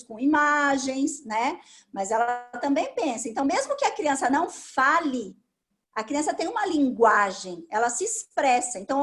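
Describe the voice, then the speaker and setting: A woman with a notably high voice and a Brazilian Portuguese accent, speaking as a speech therapist guest in an interview. She explains patiently and instructively, laying out each point step by step.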